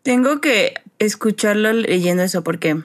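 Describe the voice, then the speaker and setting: A woman's voice: mid-range voice, lively intonation, moderate pace. A Mexican woman co-hosting a podcast, chatting casually with plenty of slang and swearing. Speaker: podcast co-host. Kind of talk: casual chat.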